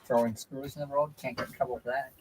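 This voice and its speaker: A woman's voice: a bass voice, steady tone, quick pace, darkish tone. A woman from Wisconsin chatting casually in short, terse interjections. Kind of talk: casual chat. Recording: noisy background ambience.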